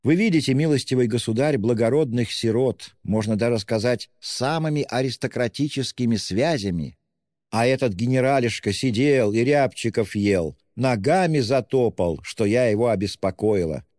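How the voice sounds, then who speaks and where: A man voicing a frantic, desperate impoverished widow with shrill, haughty outbursts in an audiobook. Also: lively intonation, moderate pace, darkish tone, no room sound, studio quality, long reverb tail, lightly acted. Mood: haughty pleading. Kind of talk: audiobook character voice.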